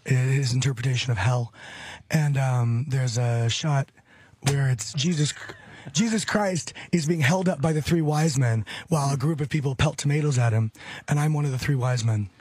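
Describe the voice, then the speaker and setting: A man's voice: medium pitch, moderate pace, darkish tone, breathy edge. A man in his thirties from Hollywood, California, chatting as a radio show guest, rambling and repeating phrases with frequent chuckles. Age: 30s. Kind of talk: casual radio chat.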